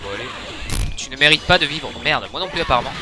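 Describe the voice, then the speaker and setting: A man's voice: mid-range voice, lively intonation, fast, sharp tone, faint music behind. A young man giving casual let's-play commentary, joking and trash-talking the game with crude humor. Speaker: gaming YouTuber.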